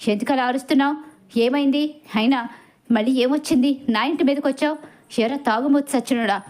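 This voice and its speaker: A sharp-tongued middle-aged woman scolds and insults without pause, as a woman narrator plays her. Her voice rides high. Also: close to an everyday voice. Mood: scolding.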